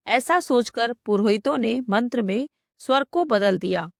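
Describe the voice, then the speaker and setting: A woman's voice: fairly high pitch, no room sound, clean studio sound. A woman teaching a school textbook lesson, reading each phrase aloud and then explaining it, line by line. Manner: reads each Sanskrit phrase, then gives its meaning. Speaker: Sanskrit teacher.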